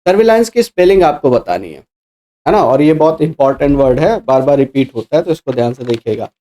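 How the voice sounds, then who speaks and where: A male exam-prep teacher with a fairly high, mellow, sing-song voice goes through mock test answers a little fast. He explains step by step, spells words letter by letter and corrects himself along the way.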